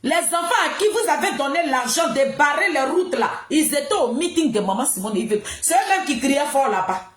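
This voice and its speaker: A woman's voice: high-pitched, expressive, moderate pace. A woman with an Ivorian accent delivering an impassioned political monologue, scolding and ranting as she repeats phrases for emphasis. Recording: roomy, echoing sound.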